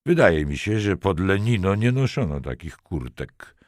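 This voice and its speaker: A man voicing a cool, sharp police lieutenant who gives curt, measured replies. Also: deep voice, big pitch swings, dry recording, studio quality. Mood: dry.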